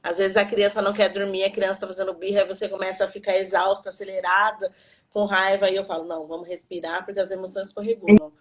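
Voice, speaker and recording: A mother chats about calming her baby, talking quickly with little rise and fall in her voice. She sounds set back from the microphone. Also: medium pitch. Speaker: mother sharing experience. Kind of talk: casual conversation.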